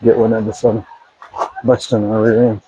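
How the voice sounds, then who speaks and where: A man's voice: fairly low pitch, little pitch movement, moderate pace, mellow. Wisecracking man heard off-mic. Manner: dry, self-deprecating jokes. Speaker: vlogger's hiking partner. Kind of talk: casual banter on a hike. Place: outdoors on a forest trail near a waterfall. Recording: dull lo-fi sound, faint hiss, off-mic.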